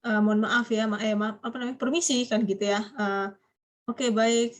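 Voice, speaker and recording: A woman's voice: medium pitch, steady tone, fairly quick. A woman from Indonesia teaching a business Japanese class over a video call, explaining patiently and quizzing her students. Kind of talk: online class lecture.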